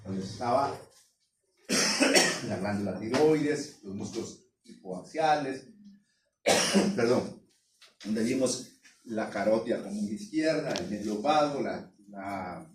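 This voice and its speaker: A man teaching a veterinary anatomy class, pausing often to check that students follow. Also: lowish voice. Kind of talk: classroom lecture. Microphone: distant room mic. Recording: echoey room from far off, some noise.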